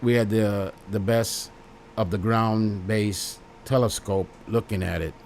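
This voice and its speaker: A man's voice: fairly low pitch, steady tone, takes it slowly, a little mellow, a little hiss or hum. A middle-aged man with a Chicago accent hosts his own channel, talking straight to the camera in blunt, plain words and repeating phrases for emphasis. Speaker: YouTube host. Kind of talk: casual direct-to-camera commentary.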